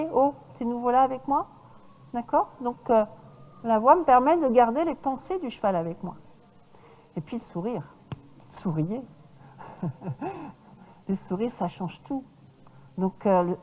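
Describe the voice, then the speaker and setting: Woman, horse trainer, lecture, fairly high voice, demonstrative, lively. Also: long reverb tail, low-quality recording. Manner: lively and demonstrative, often checks in with the audience. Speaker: horse trainer giving a talk. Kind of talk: lecture to an audience.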